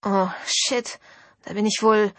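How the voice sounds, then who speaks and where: A woman's voice: medium pitch, fairly even intonation, slow pace, fairly bright tone, no room sound. Woman reading a clumsy tipsy teenage boy. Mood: startled.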